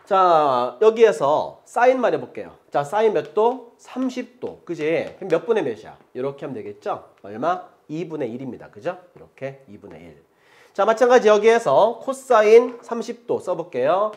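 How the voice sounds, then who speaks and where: Man, middle-aged, math teacher, slightly high, very lively pitch, chatty lecture, checks in with students. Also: normal speed. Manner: chatty, mixes polite and casual speech, often checks in with the students; often laughs as he talks.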